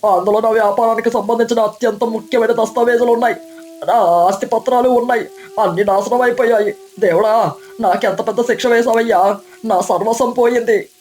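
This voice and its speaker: A woman's voice: fairly high pitch, steady tone, a little fast, darkish tone, close to an everyday voice. Woman voicing a frantic rich man. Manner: frantic, trembling. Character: proud rich man, panicky and whining.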